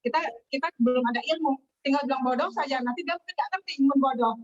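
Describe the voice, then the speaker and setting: Woman guest, high voice, animated storyteller, distant lo-fi webinar audio. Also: racing. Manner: animated, acts out quoted voices. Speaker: guest telling her success story. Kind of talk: casual storytelling.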